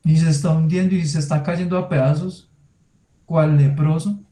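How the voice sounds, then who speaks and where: A man preaches in a church, speaking straight to his listeners in a conversational tone. His voice sits a little high but sounds mellow and soft. The room adds clear echo around him. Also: moderate pace. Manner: tells lively personal anecdotes with sound words. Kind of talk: sermon. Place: church hall. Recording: echoey room.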